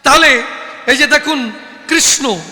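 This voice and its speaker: High bright-voiced man declaiming on stage. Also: takes it slowly, long reverb tail. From West Bengal. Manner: chanting sing-song, calls out to audience. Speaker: kobi gaan performer. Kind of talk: sung and declaimed folk debate poetry.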